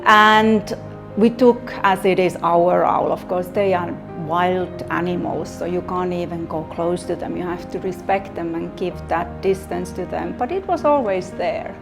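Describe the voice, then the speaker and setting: Slow-paced Finnish-accented woman. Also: on the low side, gravelly, music in the background. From Finland. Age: middle-aged. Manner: slow, thoughtful, with many pauses and fillers. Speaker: artist. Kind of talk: interview monologue.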